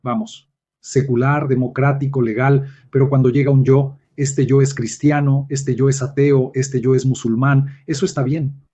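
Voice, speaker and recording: A man's voice: mid-range voice, level tone, normal speed, mellow, husky. A man teaching a reflective spoken lesson, speaking directly to the listener in a musing way. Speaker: lecturer.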